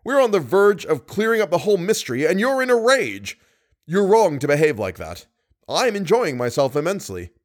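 Guy doing a cool-headed manager, steady and in charge, a bit lively in pitch. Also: brisk. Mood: authoritative. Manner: authoritative, gently probing. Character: calm authoritative male theatre manager.

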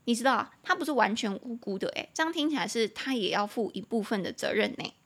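Bright-voiced woman teaching English. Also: on the high side, expressive, slightly rough. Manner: spells words slowly, repeats them, chatty asides. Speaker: English teacher podcast host. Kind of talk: casual English lesson podcast.

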